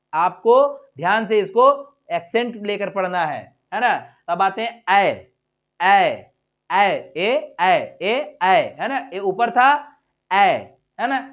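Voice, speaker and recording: A man teaching English pronunciation in a video lesson, repeating vowel sounds and words slowly for learners to copy, asking questions and answering them himself. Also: high voice, narrow, tinny audio. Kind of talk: phonics lesson to camera.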